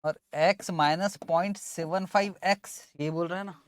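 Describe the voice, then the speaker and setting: A man's voice: sits high, steady tone, normal speed, clear, resonant tone, no echo. Casual male accounts teacher, dry sound. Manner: casual, works through sums aloud. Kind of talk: informal classroom lesson.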